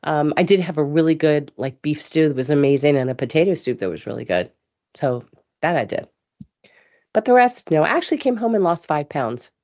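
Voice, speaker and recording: Woman host, low-pitched, hoarse from a cough, chatty and rambling, dull lo-fi stream audio. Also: lively intonation, brisk, a little mellow. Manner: chatty, rambling, laughs easily. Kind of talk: casual live show chat.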